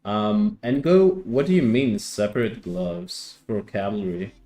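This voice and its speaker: A Greek man streams a strategy game and chats casually with viewers, answering the chat hesitantly and often repeating words while he thinks. His voice is fairly low and dark, with a measured pace and big swings in pitch.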